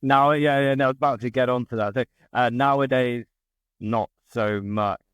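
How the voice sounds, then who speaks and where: A man's voice: mid-range voice, steady tone, moderate pace, a bit bright, clear, resonant tone, no echo, studio quality. A man from southern England with a modern British RP accent, chatting casually and discursively as an interview guest. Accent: southern English RP. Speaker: interview guest, English teacher. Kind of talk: casual conversation.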